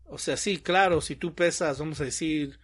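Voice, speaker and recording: A young man with a slightly high voice, talking in a relaxed chat. He tells stories with energy, slips into the voices of the people he quotes, and laughs often. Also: moderate pace, breathy edge. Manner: animated storytelling, acting out quoted dialogue, laughs often. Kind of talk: casual chat.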